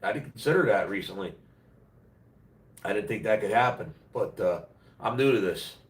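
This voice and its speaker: A man with a fairly deep, congested and nasal voice rambles casually to his live chat. He sounds run-down and speaks bluntly, in loose slang. The room echoes around him and the mic is a little way off. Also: expressive, normal speed, far from the mic. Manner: blunt, slangy, plain-spoken. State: under the weather, voice worn out. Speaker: live stream host. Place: at home, roomy-sounding indoor space.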